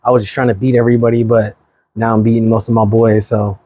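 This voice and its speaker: A man's voice: fairly low pitch, little pitch movement, quick pace, dark tone, no echo. A man in his thirties from Sacramento, California, a real estate agent talking as a podcast guest in an easygoing, slangy way. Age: 30s. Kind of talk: casual chat.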